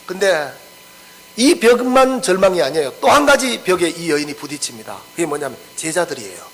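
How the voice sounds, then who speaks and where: A man's voice: fairly high pitch, big pitch swings, a little fast, fairly bright tone, rough recording. A pastor preaching an expository sermon. He acts out the scripture quotes and keeps asking the congregation questions.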